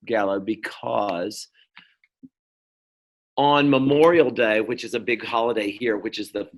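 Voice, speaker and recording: A man's voice: on the low side, measured pace. A middle-aged man from North Carolina, talking as an interview guest in a rambling, casual way, with many fillers and restarts. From North Carolina, US South. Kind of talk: casual conversation.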